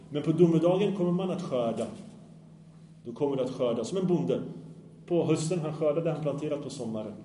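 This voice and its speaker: A man delivers a sermon in an earnest, questioning way, checking in with his listeners. His tone is mellow and relaxed. The room rings with echo under a light background hiss. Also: a little high. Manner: earnest, asks the audience often. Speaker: preacher. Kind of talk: Islamic sermon to youth.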